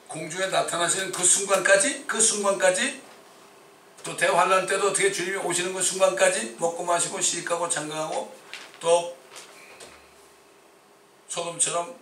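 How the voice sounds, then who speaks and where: A man's voice: a little high, sharp tone, slight background noise. A male pastor preaching a sermon with a Chungcheong accent, emphatic and full of rhetorical questions. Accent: Chungcheong Korean. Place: church sanctuary. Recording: echoey church from a distance.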